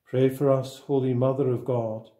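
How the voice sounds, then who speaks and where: A man leading a sequence of liturgical prayers in a slow, solemn, even recitation. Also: medium pitch, echoey room, crowd noise. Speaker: prayer leader.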